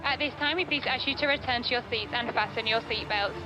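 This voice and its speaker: A woman makes a cabin announcement over the plane's speakers, her voice high and bright above the cabin. She reads it briskly and politely, in a formal announcing tone. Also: over music, rough recording. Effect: cabin announcement over the plane's speaker system. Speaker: cabin crew.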